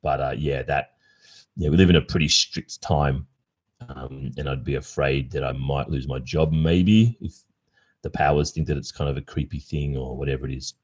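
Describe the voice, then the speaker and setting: An Australian man in his early forties with an exceptionally low, husky voice chats informally on a livestream, answering listeners' questions. An ASMR roleplay streamer, he speaks thoughtfully, with pauses and the occasional hesitation.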